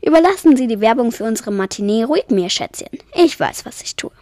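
A smug, cold theater director, played by a woman reading aloud, talks down to everyone in a smooth, patronizing tone. This is a storybook reading, with a fairly high voice and a dry sound. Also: animated, fairly quick, warm tone, no echo, close to an everyday voice.

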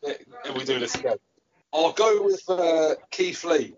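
A man's voice: a little high, expressive, a little slow, highs cut off, a crowd in the background. A man with a British accent telling a rambling, stop-start story in casual podcast chat. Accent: British English. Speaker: podcast co-host.

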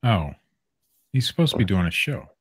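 A man with a low, husky voice chats casually as a podcast co-host. He teases in a relaxed way, and the sound is close and dry. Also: normal speed, dry recording. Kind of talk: casual chat, teasing. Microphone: USB desktop microphone.

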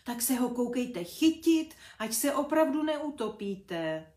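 A woman reading aloud voices a brave, brisk female gardening teacher who talks in a bossy way. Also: high voice, big pitch swings, voice pushed up. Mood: urging. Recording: roomy echo.

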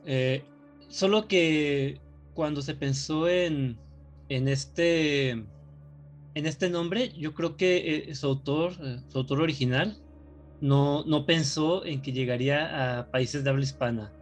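Rambling man, slightly high voice. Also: takes it slowly, soft background music. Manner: joking, rambling explainer. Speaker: podcast co-host. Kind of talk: casual chat.

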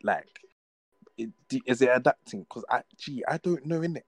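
Husky and mid-range, the voice of a young man from London carries casual storytelling and banter in animated street slang as he co-hosts a podcast. He keeps a moderate pace, and there's no room sound.

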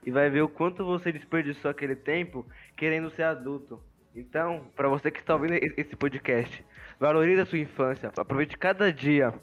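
A man's voice: fairly high pitch, fairly quick, fairly bright tone, faint music behind, poor audio. Earnest young man giving advice on a podcast. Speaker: podcast co-host. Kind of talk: casual podcast chat.

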